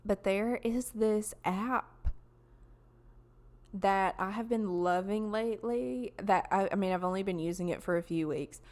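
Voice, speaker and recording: A woman's voice: mid-range voice, measured pace, a little mellow. A young woman, hosting a casual solo podcast in a rambling, chatty way full of fillers. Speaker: podcast host.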